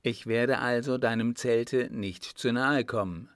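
A man's voice: mid-range voice, fairly even intonation, measured pace, smooth, no room sound, clean studio sound, close to an everyday voice. A man voicing a dutiful tribesman who speaks seriously and steadily, holding firm. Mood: firm, earnest. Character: earnest, dutiful young tribesman, defiant but calm.

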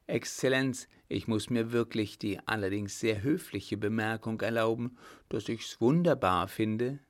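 A man's voice: on the low side, unhurried, lightly acted. A man reading an audiobook, voicing an anxious, stiffly polite town mayor who protests in formal phrases.

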